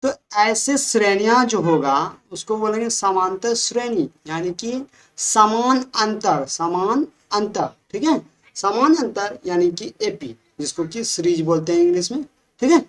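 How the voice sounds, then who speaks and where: A woman's voice: medium pitch, lively intonation, moderate pace. A woman teaching a maths class in Hindi with a Bihari accent. She explains patiently, repeats herself and keeps checking with the students.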